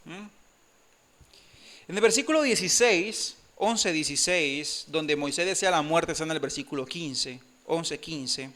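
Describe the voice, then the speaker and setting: A man preaches a lively sermon in a church and keeps drawing the congregation in. His voice sits high for a man and sounds bright and forceful. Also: unhurried. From Colombia. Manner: animated preaching, asks congregation for amen. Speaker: pastor.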